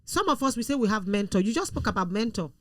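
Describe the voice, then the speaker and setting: A woman in a casual discussion, telling stories with animated acted-out quotes. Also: medium pitch, fast, no echo, clean studio sound. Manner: animated storyteller, acts out quoted people. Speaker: show guest.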